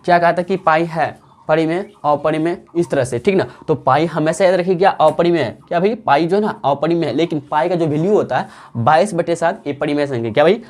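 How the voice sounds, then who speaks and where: A woman's voice: deep voice, a little mellow. A woman teaching a maths lesson online. She explains patiently, repeats herself often, and asks and answers her own check-in questions. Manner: patient, drawn-out explaining pace with frequent fillers. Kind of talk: online classroom lecture.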